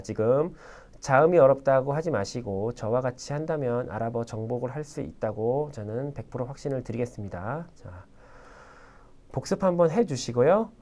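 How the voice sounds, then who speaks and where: A male language instructor giving a recorded video lecture. His pitch rises and falls a lot as he explains step by step, prompting the viewer often. He writes with a pen while he talks. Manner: lively explanatory teaching, frequent "자" prompts.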